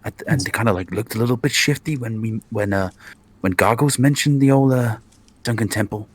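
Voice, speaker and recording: A man's voice: mid-range voice, brisk, husky, voice pushed up, natural voice. A man voicing a shifty, nosy male gnome adventurer who rambles in a conspiratorial way.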